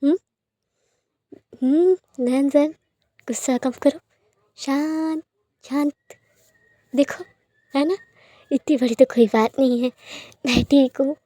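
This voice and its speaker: A woman's voice: sits high, fairly even intonation, slow pace, pauses often, mellow, dry recording, clean studio sound. Woman doing Wei Ying, coaxing young man pleading. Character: playful young male teacher pleading with his lover.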